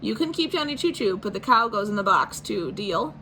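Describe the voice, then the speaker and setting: A woman's voice: medium pitch, expressive, brisk, a little hiss or hum. A woman voicing an exasperated mother who scolds and bargains with her son about his toys. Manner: stern, scolding, sometimes yelling. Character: exasperated mother, fed up with clutter.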